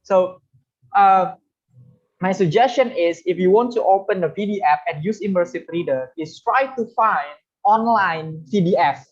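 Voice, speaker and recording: An English teacher runs an online webinar demo in a casual, chatty way, full of fillers. The voice sits at a middle pitch. The audio is dull and lo-fi, like a typical webinar call. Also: moderate pace. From Indonesia.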